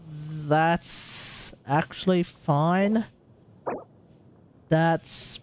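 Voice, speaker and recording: A game streamer gives casual, slangy commentary, bluntly thinking aloud while he reviews. His voice sits high, and there's slight background noise.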